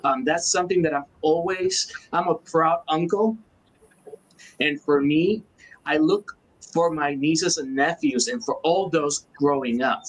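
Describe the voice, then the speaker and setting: A man's voice: fairly high pitch, sing-song, unhurried, rough recording. A man, speaking earnestly as a guest on a video call panel. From Puerto Rico. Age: 40s. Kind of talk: casual panel talk.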